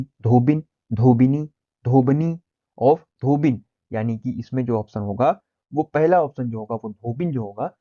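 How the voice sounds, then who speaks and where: A male teacher works through exam practice questions, reading each option aloud before explaining the right answer. His voice is mellow and of middling pitch. The recording sounds somewhat dull and lo-fi. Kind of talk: exam-prep lesson.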